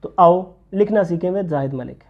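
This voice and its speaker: A man teaching handwriting step by step, patiently explaining each stroke as he writes. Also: lo-fi sound. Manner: patient, explains while writing, drops low for "see this". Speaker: calligraphy teacher.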